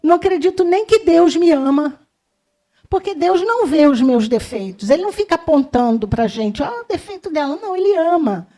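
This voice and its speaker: A woman's voice: high voice, lively intonation, brisk, mellow. A middle-aged Brazilian woman giving a conversational spiritist talk, often acting out quoted voices and questioning her audience. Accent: Brazilian Portuguese. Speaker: spiritist lecturer. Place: lecture hall.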